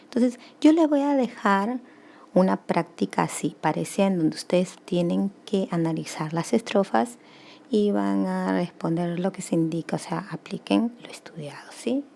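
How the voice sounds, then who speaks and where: A woman's voice: mid-range voice, moderate pace, creaky, dark tone, a little hiss or hum. A woman teaching a recorded secondary school class, explaining step by step and often checking in with the students.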